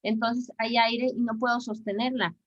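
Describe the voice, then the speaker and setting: A woman's voice: fairly high pitch, little pitch movement, normal speed, dry recording. A woman interpreting and explaining an English pronunciation lesson for her students. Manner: explains and repeats the teacher's points. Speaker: class interpreter and co-host. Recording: dull, dry audio.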